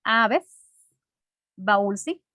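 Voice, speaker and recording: A woman's voice: medium pitch, expressive, drawn-out words, bright, forceful tone, no echo. A woman teacher explaining a lesson patiently and simply, checking in with her class through frequent rhetorical questions.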